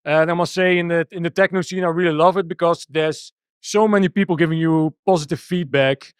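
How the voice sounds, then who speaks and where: A man's voice: a little high, steady tone, fairly quick, clear, resonant tone, no room sound. A Dutch man with a Dutch accent, a techno DJ and producer answering interview questions in a hesitant way with many restarts. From Netherlands. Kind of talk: casual interview.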